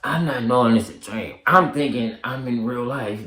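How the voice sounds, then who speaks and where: A man's voice: medium pitch, moderate pace, bright, forceful tone. A young man casually telling a story in heavy slang, laughing often and acting out his own reactions. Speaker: storyteller vlogger. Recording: echoey room.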